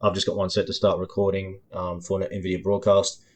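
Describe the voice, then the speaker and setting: A man demonstrating his own app in a screen-recording tutorial, explaining each control in an unhurried way, with lots of ums and uhs as he thinks aloud. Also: sits low, completely flat delivery, a little mellow. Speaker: developer demoing his app.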